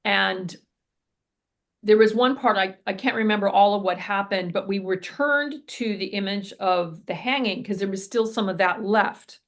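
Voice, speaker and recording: A woman's voice: mid-range voice, normal speed. Earnest woman therapist telling a story. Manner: earnest, vivid storytelling with quoted speech. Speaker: therapist and guest. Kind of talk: interview storytelling.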